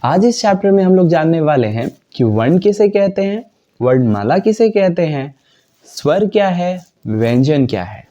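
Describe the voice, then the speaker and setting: A man's voice: a little high, big pitch swings, moderate pace, warm tone, highs cut off. A man teaching a basic grammar lesson, explaining carefully and reciting letters one at a time.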